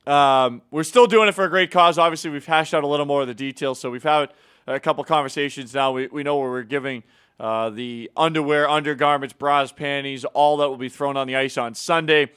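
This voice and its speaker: A man's voice: on the high side, fairly even intonation, fairly quick, a bit bright, clear, resonant tone. A man hosting a casual hockey news segment, upbeat and teasing his co-host, with plenty of filler words. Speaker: show host. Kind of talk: casual sports news chat.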